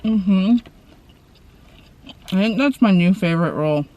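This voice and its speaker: A woman vlogger from the Portland area chatting casually while eating, with soft mumbled asides over her food. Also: mid-range voice, animated, takes it slowly, dull audio. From Portland, Oregon area. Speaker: mukbang vlogger. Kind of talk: casual eating-show chat.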